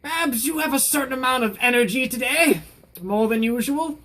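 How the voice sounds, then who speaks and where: A woman voicing an elderly, genteel British woman at tea time, with a high, quavering put-on voice and drawn-out, theatrical exclamations. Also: fairly bright tone. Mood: fussy, genteel.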